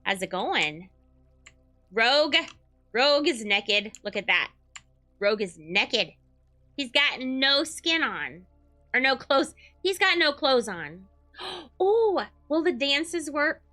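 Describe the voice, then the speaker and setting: A man through a voice changer that sounds female, bright and slow. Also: extremely high pitch, faint music behind, pitched above the performer's own voice, heavily acted. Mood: playful. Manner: excitable, swears often, talks to himself while playing. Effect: voice changer that makes a man sound like a woman. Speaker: game streamer. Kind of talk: casual live-stream chatter.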